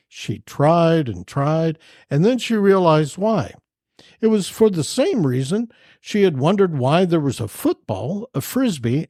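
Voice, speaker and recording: Male podcast host, animated storyteller, slightly high voice, dry close mic. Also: no echo. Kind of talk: casual joke-telling chat.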